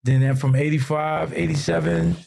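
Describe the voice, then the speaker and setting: A man's voice: moderate pace, vocal fry, slightly rough. A man, a podcast guest telling stories in casual chat and acting out the quotes. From raised in New York. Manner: relaxed storyteller who acts out quotes in a higher voice.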